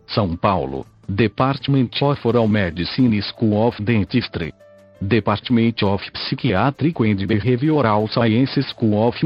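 In dull lo-fi audio with faint music, a synthesized male text-to-speech voice with a Brazilian accent reads a scripted article as a podcast narrator. It sounds like an old speech synthesizer, fairly low in pitch and husky.

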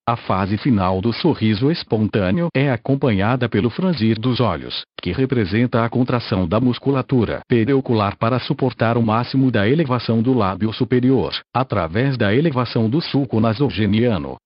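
A synthesized male voice serving as podcast host, reading a scientific article aloud in a measured, even delivery. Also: mid-range voice, slightly rough, no room sound, highs cut off.

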